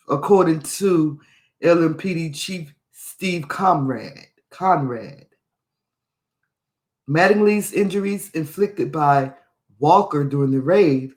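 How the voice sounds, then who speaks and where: Indignant man reading news, echoey room. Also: on the high side. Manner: indignant, repeats phrases for emphasis. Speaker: podcast host. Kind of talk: reading and commenting on a news article.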